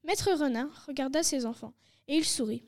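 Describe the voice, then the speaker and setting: A woman's voice: sits high, normal speed. A woman reading a storybook aloud, taking turns and echoing words with a partner. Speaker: reader.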